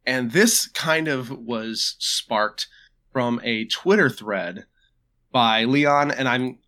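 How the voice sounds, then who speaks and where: A man hosts a laid-back podcast chat while stuffed up with a cold, talking in a relaxed, chatty way and often restarting his sentences. His voice is mid-range and his pace is extremely slow.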